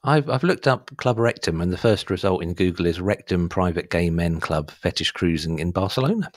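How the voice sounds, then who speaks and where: A man's voice: sits low, expressive, brisk, dry recording, clean studio sound. A man with a South Suffolk English accent chatting casually as a podcast host, rambling through anecdotes in a jokey, easily amused way. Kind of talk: casual comic chat, telling anecdotes.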